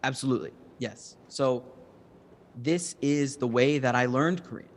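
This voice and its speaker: A native English-speaking man presenting a start-up answers the judges' questions in an assured, explanatory manner. His voice is medium in pitch and measured in pace, and a long hall reverb trails it.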